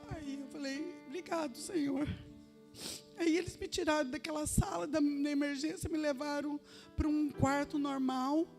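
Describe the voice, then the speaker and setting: Uma mulher dá seu testemunho num culto da igreja, contando a história com seriedade e citando as falas dos outros na própria voz. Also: female voice, high-pitched, fairly even intonation, normal speed, darkish tone, soft background music. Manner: earnest storytelling, quoting others in her own voice. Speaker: church member giving testimony. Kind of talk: testimony in a church service. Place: church sanctuary.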